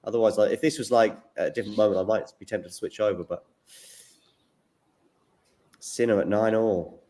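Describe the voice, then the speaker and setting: A man's voice: lowish voice, fairly even intonation, a little fast, mellow. A man hosting a live tennis watchalong, giving casual running commentary and chatting with his co-hosts. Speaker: watchalong host.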